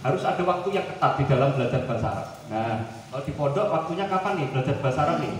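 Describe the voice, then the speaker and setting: A man from Central Java with a Javanese-tinged accent, giving a lively, joking seminar talk at a boarding school, slipping into playful mock dialogues. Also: on the high side, rapid-fire, slight background noise. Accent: Javanese-tinged Indonesian. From Central Java, Indonesia. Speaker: guest speaker at a seminar. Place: large hall at a boarding school. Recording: echoey hall recorded from far off.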